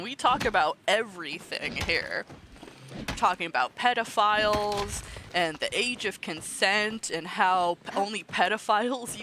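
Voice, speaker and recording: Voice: medium pitch, noisy background. A nonbinary streamer in their twenties chatting casually while gaming, swearing freely, laughing often and ranting with mock outrage. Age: 20s.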